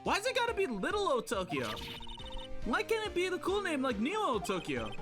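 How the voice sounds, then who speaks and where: A man voicing a spunky, excitable young woman in a video game, stammering as he reads her lines. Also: extremely high pitch, moderate pace, music in the background, pitched above the performer's own voice, exaggerated voice. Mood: startled. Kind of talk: reading game dialogue aloud.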